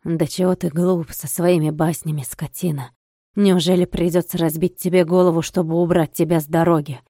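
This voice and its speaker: A woman reading an audiobook voices a scornful old male villager who mocks calmly and coldly. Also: lowish voice, normal speed, no echo, clean studio sound, natural voice. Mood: mocking, scornful. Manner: mocking, calm and cold.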